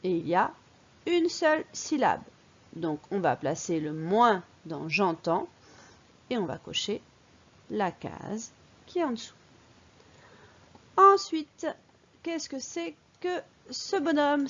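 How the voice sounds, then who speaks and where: A woman teacher with a fairly high, lively voice walks young children through a phonics lesson. She talks slowly and clearly and lifts each key word in a sing-song way. The recording sounds a bit dull and lo-fi. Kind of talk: early-reading phonics lesson.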